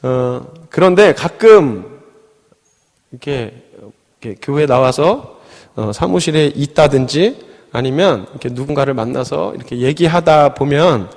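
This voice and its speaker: A man's voice: medium pitch, lively intonation, a little slow, a little mellow. A man giving a youth sermon in a church, chatty and full of fillers, telling stories and acting out the quotes. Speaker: youth pastor. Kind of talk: sermon with storytelling. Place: church sanctuary. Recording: long hall reverb.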